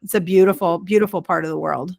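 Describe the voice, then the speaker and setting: A woman's voice: lowish voice, fairly even intonation, fast talker, vocal fry, darkish tone, no echo. A woman hosting a podcast, asking friendly, encouraging questions of her guest in a casual interview. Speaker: podcast host.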